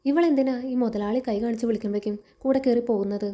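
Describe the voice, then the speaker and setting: A woman's voice: fairly high pitch, fast talker, warm tone, natural voice. A woman reading the lines of a domineering, wealthy middle-aged lady of the house in a scornful, scolding way.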